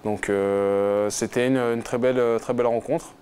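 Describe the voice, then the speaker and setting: A man's voice: medium pitch, fairly even intonation, a little slow, darkish tone. Hesitant young man, faint background noise. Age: 20s. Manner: hesitant, many fillers and restarts. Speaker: footballer guest. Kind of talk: casual interview.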